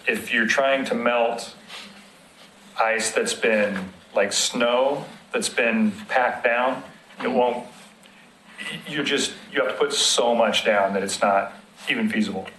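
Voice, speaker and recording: A man's voice: medium pitch, slow, pushed and bright, slight background noise. A man from city road maintenance explaining winter operations to a committee in a plain, practical way, using everyday examples. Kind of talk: public committee meeting discussion. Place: council meeting room. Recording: echoey meeting room.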